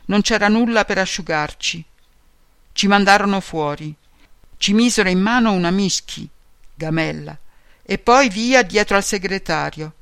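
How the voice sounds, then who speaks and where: High, smooth-voiced man reading aloud. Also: fairly bright tone, no room sound. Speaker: reader of a memoir.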